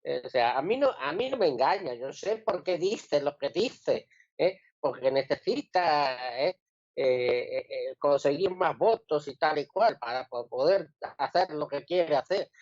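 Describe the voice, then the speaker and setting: A man's voice: on the high side, lively intonation, measured pace, darkish tone, no echo, muffled recording. A man reasoning aloud in political analysis on a radio panel, checking in with listeners as he goes. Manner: reasoning aloud, tags lines with "¿sí?" and "¿eh?".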